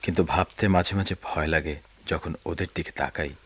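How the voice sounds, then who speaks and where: A weary, bitter middle-aged father in a 1990s radio drama, with a very deep, low voice. He speaks with tired resentment and at times raises his voice in frustration. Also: steady tone, normal speed, a bit bright. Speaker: father of grown children.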